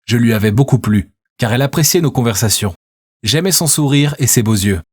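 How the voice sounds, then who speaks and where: Un homme au timbre voilé, un peu soufflé, raconte une histoire écrite à la première personne. Son débit est régulier et sincère, la voix posée à hauteur moyenne. Un ton de conteur pour un récit animé. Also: male voice, medium pitch, expressive, a little fast, darkish tone, breathy edge, no echo, clean studio sound. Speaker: narrator. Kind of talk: scripted first-person story narration.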